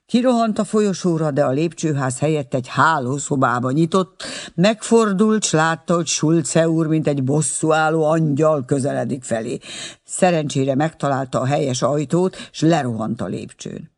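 A man narrating a novel in an expressive storytelling manner. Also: a little high. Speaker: audiobook narrator.

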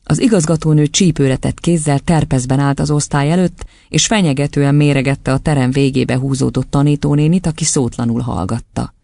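A man narrating an audiobook in measured storytelling. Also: a little high, steady tone, creaky, warm tone, dry recording, clean studio sound.

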